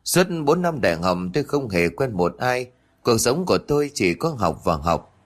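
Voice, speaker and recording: A man narrating a ghost story in a measured, earnest reading voice. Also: mid-range voice, sing-song.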